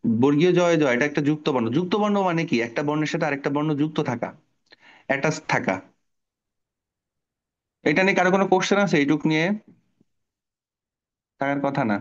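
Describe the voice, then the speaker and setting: A man's voice: fairly high pitch, fairly quick, long pauses, muffled recording. A middle-aged man teaching an online spelling class to children, explaining patiently and asking the class questions.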